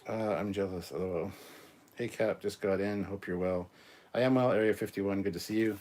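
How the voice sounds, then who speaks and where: A man in his forties hosting a live stream, chatting casually and answering viewer comments in a rambling, relaxed way with many ums and restarts. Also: low-pitched, normal speed. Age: 40s.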